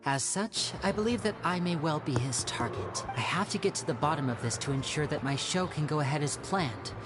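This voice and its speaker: A man's voice: on the high side, expressive, natural voice. A young man playing a courteous stage magician. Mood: polite, poised. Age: young adult. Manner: courteous, theatrical, measured. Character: polished young male stage magician, polite and proud. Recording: game audio with music behind.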